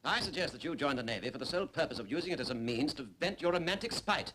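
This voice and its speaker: An actor playing a combative naval prosecutor, sarcastic and quarrelsome. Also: male voice, on the high side, expressive, quick pace, background noise, close to an everyday voice. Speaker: prosecuting officer.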